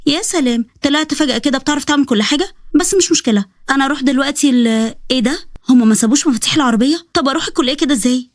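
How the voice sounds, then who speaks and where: Bossy young egyptian woman from a storybook, snappy retorts, rather high voice, very fast, dry, as a woman plays her. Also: no echo, close to an everyday voice. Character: sharp-tongued young woman, feisty college student.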